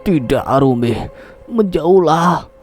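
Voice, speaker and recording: A man's voice: mid-range voice, moderate pace, a little mellow, natural voice. A man voicing a young man who is hurt and begs in a whimpering voice over music. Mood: pleading. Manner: whimpering, pleading. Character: young man Ivan, beaten and begging.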